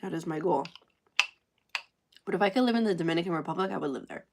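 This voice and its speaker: A woman's voice: on the low side, quick pace, vocal fry, heavy background noise. A young woman from Canada chatting casually on a live stream at home, answering viewer comments and trailing off in places. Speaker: livestreamer.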